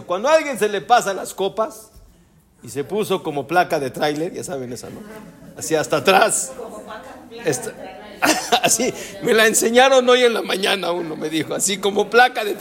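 Animated rabbi telling a story. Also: male voice, high voice, normal speed. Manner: animated storyteller, addresses listeners with rhetorical questions. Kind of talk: storytelling Torah class.

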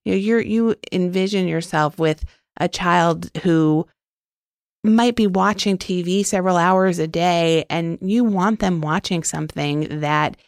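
Gravelly, smooth-voiced woman interview guest. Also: fairly low pitch, a little slow, no room sound, clean studio sound. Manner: earnest, enthusiastic, talks with many fillers. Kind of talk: conversational interview answers.

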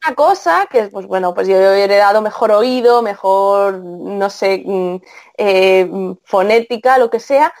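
A woman's voice: mid-range voice, unhurried. A woman from Spain with a Spanish accent, chatting as a guest translator and acting out the dialogue she quotes. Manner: animated, acts out quoted dialogue. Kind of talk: casual podcast chat.

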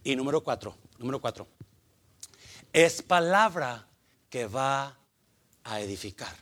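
A man preaching a sermon, animated and full of rhetorical questions, slipping in English fillers. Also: mid-range voice, measured pace. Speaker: pastor.

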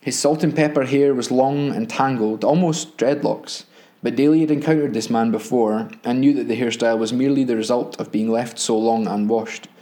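A man, a podcast host, reading a crime novel aloud in steady, measured audiobook-style narration. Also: mid-range voice.

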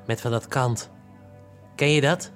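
A man's voice: mid-range voice, measured pace, faint music behind, close to an everyday voice. An actor playing a lovesick, remorseful young man who talks in a pleading, confessional way in an audio drama. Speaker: main character.

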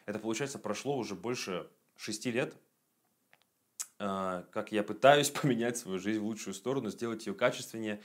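A man in his late twenties giving a casual self-improvement monologue for his video channel, blunt and profane, with frequent fillers. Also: lowish voice. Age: 20s. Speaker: video blogger.

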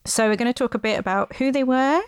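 A woman hosting a history podcast, talking with relaxed enthusiasm. Her voice has a slight gravelly fry. She sounds close and dry on the mic, with no room around her. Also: a little high, fast, dry recording. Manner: chatty, enthusiastic, many fillers. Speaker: podcast co-host. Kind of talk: casual chat.

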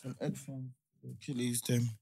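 London roadman host with a mid-pitched voice. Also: completely flat delivery, normal speed, creaky, dark tone, slight background noise. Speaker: show host. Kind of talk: casual street-slang chat.

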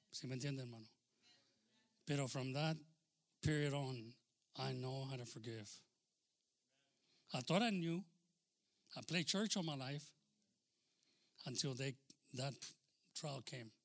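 A man's voice: on the high side, no echo. Older man giving an earnest testimony. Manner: earnest, exhorting, bursts of loud emphasis; addresses listeners as brothers. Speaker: church member giving testimony. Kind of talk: testimony sermon.

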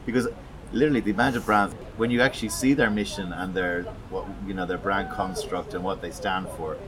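A man's voice: low-pitched, fairly even intonation, fairly quick, a bit bright, poor audio. A middle-aged man hosting a casual interview, speaking informally and bluntly. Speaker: podcast host, interviewer. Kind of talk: casual pub interview chat. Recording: busy crowd chatter behind.

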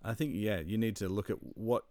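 A young man with an Australian accent and a very low voice talks loosely as a guest, circling back on his words and laughing at himself. The sound is close and dry, with no room in it. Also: fairly quick, dark tone, dry recording. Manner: rambling, self-deprecating, laughs often. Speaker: podcast guest, church leader. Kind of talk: casual conversational interview.

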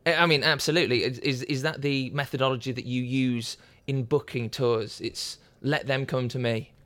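A man's voice: mid-range voice, fairly even intonation, normal speed, a bit bright, dry recording. A British man hosting a comedy podcast, chatting and interviewing in a jokey, teasing way. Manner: jokey, teasing, laughs readily. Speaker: podcast host. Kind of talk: comic interview chat.

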